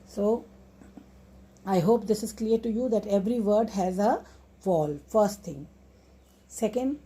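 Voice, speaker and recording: A woman gives a spelling lesson at a very slow, careful pace. Her voice is soft and breathy, with a mellow, dark tone. She stretches words out to break them into syllables. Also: mid-range voice, low-quality recording. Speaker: English spelling teacher. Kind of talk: explanatory lesson.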